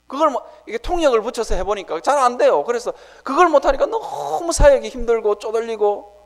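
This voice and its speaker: Male preacher, sermon in a church sanctuary, high voice with a very lively pitch, animated storytelling, long church-hall reverb. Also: brisk. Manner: animated storytelling, acting out his own prayers.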